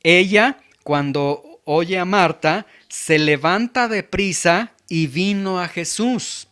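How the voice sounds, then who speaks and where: Casting note: male pastor, higher-pitched voice, emphatic Bible-study preaching that repeats words for stress. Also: slow, a bit bright. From Mexico. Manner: emphatic, repeats words and leans on key terms. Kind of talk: expository sermon.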